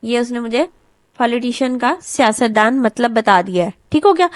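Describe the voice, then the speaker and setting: A woman tutor patiently talking through a screen-recorded software lesson step by step. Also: a little high, expressive, moderate pace, no room sound. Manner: patient step-by-step explaining, often repeats "okay, done". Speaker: computer tutor.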